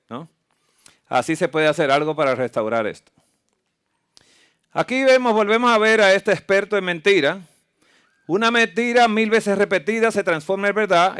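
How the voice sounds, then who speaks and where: High, smooth-voiced male preacher. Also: fairly bright tone. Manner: asks the audience frequent rhetorical questions. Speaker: preacher and health lecturer. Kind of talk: sermon with medical slides. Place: church camp meeting.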